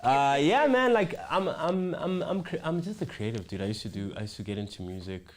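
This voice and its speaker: A man's voice: mid-range voice, very animated, fairly quick. A man chatting as a podcast guest, laid-back and slangy, laughing easily. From South Africa. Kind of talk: casual chat.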